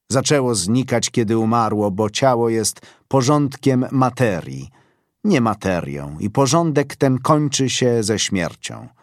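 A man giving a literary audiobook reading in a measured, sombre way. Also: medium pitch, dry recording, studio quality. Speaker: audiobook narrator.

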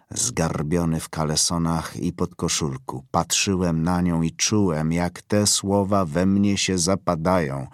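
A man giving a literary audiobook reading in a measured, sombre way. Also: low-pitched, dry recording, clean studio sound. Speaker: audiobook narrator.

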